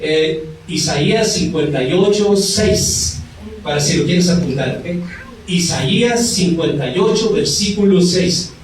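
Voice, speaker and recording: A man preaching a sermon with animated, rising and falling emphasis in a church. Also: on the high side, measured pace. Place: church hall. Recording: very echoey hall, mic far off.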